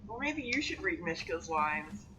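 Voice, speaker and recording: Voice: medium pitch, very animated, a little slow, distant mic, background noise. A co-player on a game stream who makes short, dry, teasing remarks. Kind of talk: casual gameplay chat.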